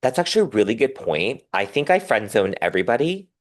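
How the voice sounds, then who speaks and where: A diaspora Korean man raised in the West speaks as a podcast guest, candid and casual, animated and rambling, with self-deprecating humor. He talks fast in a mid-range voice.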